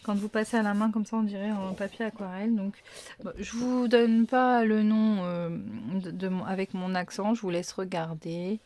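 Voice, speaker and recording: A woman's voice: mid-range voice, steady tone, moderate pace, dark tone. A woman hosting a casual craft unboxing video, thinking aloud with lots of fillers and apologetic self-corrections.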